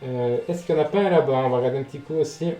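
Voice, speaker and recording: A man doing casual let's play commentary, reacting out loud, swearing and talking to the game. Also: medium pitch, rapid-fire. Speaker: gaming video host. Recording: roomy echo, game music behind. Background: game music.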